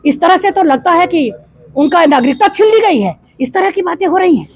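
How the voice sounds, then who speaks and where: An extremely high-pitched, expressive, brisk voice belongs to an older woman politician from Gorakhpur, eastern Uttar Pradesh, India. During a news interview she answers the reporter with indignant rhetorical questions.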